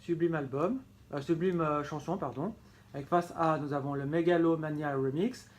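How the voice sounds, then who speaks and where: In a casual show-and-tell vlog, a man with a slightly high voice shows off his record collection like a relaxed home video. Speaking at a moderate pace with eager affection, he repeats words and stops to correct himself.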